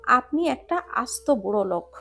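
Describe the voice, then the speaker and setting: A woman's voice: fairly high pitch, expressive, normal speed, vocal fry, soft background music, heavily acted. A woman reading a storybook romance aloud, voicing a stubborn young bride who talks back sharply. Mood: defiant. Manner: sharp, defiant, whiny.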